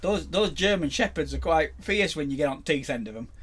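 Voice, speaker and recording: Brisk and animated, a husky, slightly bright voice sitting a little high belongs to a Yorkshire-accented podcast co-host from England. In casual chat he spins pub tales, laughing frequently along the way.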